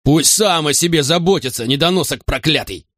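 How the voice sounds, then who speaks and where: A man voicing a panicked man on the edge of hysteria, who talks in shrill, frantic bursts. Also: brisk, a bit bright, no room sound, studio quality. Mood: furious.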